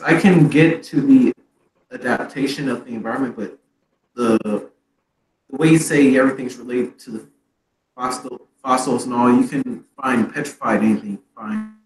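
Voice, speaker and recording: Man breaking up on a choppy call. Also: medium pitch. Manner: halting, hesitant questioning. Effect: breaking up, choppy connection. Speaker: call participant in a debate. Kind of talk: casual debate over a video call. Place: basement. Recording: echoey call audio dropping out.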